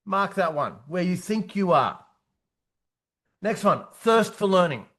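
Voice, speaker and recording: A man in his fifties delivers a motivational business talk with a fairly high voice. He speaks in short, punchy bursts, repeating key words and tossing in "right?" to keep the audience engaged. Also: very animated, measured pace, a bit bright. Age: 50s. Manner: punchy, repetitive, tag questions like "right?". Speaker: business coach presenting his book. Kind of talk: motivational presentation to accountants.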